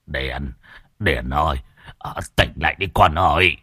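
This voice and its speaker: A man's voice: a bass voice, slow pace, sharp tone, husky, no room sound, pitched below the performer's own voice, exaggerated voice. Brief: a narrator doing a shaken rich father stammering in a whisper, dry close sound. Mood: anguished. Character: anguished wealthy father, trembling.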